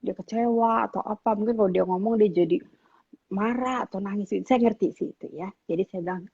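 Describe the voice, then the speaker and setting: Fairly quick and husky, a mid-range female voice comes through with its highs cut off. She's a middle-aged guest speaker on parenting, advising teenagers casually through animated stories in which she performs what her family members say.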